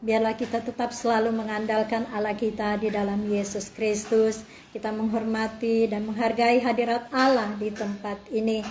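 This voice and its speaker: A woman's voice: fairly high pitch, flat delivery, moderate pace, darkish tone, slight background noise. A woman worship leader at a home service who sings praise choruses and speaks short exhortations between songs.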